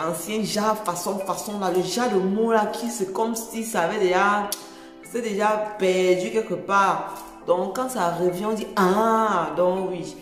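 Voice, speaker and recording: Chatty Cameroonian woman in an echoey room. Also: mid-range voice. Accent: Cameroonian French. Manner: chatty, laughs often, repeats phrases to explain. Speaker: vlogger. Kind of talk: casual explanatory chat to camera.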